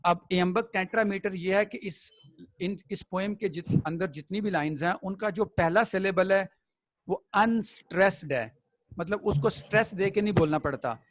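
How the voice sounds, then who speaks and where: A man's voice: high voice, unhurried, no echo, rough recording. A man teaching a classroom poetry lesson. He explains step by step and keeps checking that the students follow.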